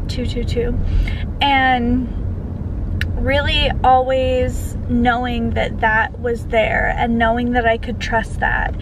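Pregnant young woman vlogging from her car, kinda high soft voice, noisy background. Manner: soft, reflective, trails off into whispers. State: heavily pregnant. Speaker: lifestyle vlogger. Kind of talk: casual vlog talk to camera. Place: parked car, then outdoors by a river. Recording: clear background noise.

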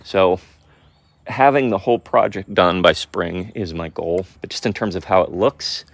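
Deep-voiced guy walking through his homestead water setup, practical and kinda pumped. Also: moderate pace, creaky, dry recording. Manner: practical, thinking aloud, excited about his project. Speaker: homesteading vlogger. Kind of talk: casual on-camera explanation.

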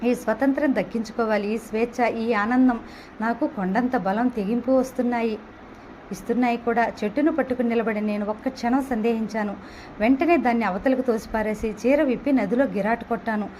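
A woman narrating an audio novel in the first person, with a steady, measured storytelling delivery. Her voice sits somewhat high, and a faint ambient hiss runs under it. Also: rough recording.

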